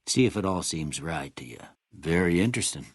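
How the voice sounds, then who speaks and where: A kindly old frontier doctor for a video game, low and husky. He speaks in a plainspoken rural Western American drawl that swings freely up and down. The delivery is folksy and wry, in a close, dry recording. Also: expressive, fairly quick, no echo. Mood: calm, folksy. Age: older. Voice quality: raspy, gravelly. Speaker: voice actor. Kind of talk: video game character dialogue.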